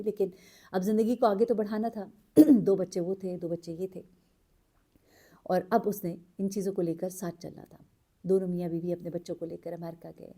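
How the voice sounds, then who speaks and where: A woman narrating a true story in an earnest, unhurried way, pausing with fillers as she goes. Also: lowish voice, dark tone. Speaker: storyteller host.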